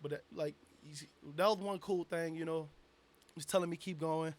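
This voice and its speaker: A young man, a bit drunk, telling a long animated story in a casual interview, full of slang and swearing. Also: fairly high pitch, moderate pace. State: tipsy. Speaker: guest, aspiring rapper.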